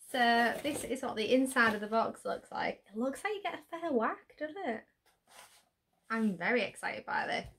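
A woman with a slightly hoarse voice, chatting casually and giggling excitedly as she unboxes makeup for her channel. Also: on the high side, a little hiss or hum. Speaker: beauty vlogger.

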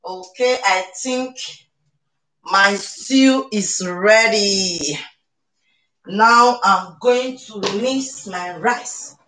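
A woman with a Nigerian accent hosts a casual cooking live stream from her home kitchen, speaking extremely slowly at medium pitch over a noisy background. She chats playfully and exuberantly, often repeating phrases, picked up by a webcam or phone camera anywhere from arm's length to a few steps away.

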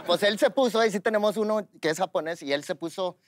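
Man from Los Angeles, actor guest, relaxed code-switching, slightly high voice. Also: fast, slight background noise. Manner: relaxed, mixes Spanish and English. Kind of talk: talk show chat.

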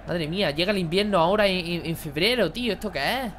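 A young man, excitably commentating his own football video game match for viewers. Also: sits high, quick pace, a little hiss or hum. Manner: excitable, exclaiming, chatty. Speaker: gaming youtuber. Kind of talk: live gameplay commentary.

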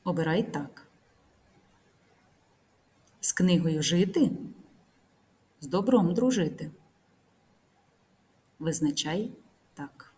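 A woman teacher narrating a recorded grammar lesson, reading example sentences slowly and carefully. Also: fairly low pitch, expressive, a little mellow. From Ukraine.

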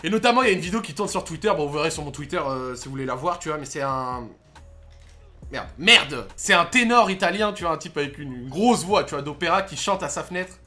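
A young man commentating his own gameplay, excitable, swearing and shouting at the game. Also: a little high. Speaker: gaming YouTuber.

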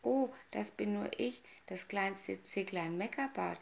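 A woman voicing the smallest young goat, timid and pleading in a weak, high little voice, in a storybook reading on a dull lo-fi recording. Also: slow pace, vocal fry.

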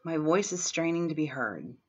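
Low-voiced and animated at a normal speed, this tapping coach is a woman in her thirties whose head cold leaves her hoarse. She talks frankly, clearing her throat while guiding tapping for her self-help vlog. The indoor home recording comes from a laptop webcam in a small room and sounds dull and lo-fi.

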